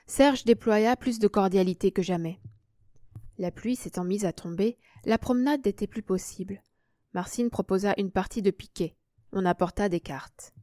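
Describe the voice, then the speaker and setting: A woman narrating a short story as an audiobook reader, in an even storytelling manner. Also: mid-range voice, no room sound, studio quality.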